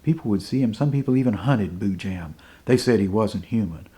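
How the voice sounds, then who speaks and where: Mellow-voiced storyteller man. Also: on the low side, expressive. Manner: unhurried, dramatic storytelling with hushed asides. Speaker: folk storyteller. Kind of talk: spoken folk tale.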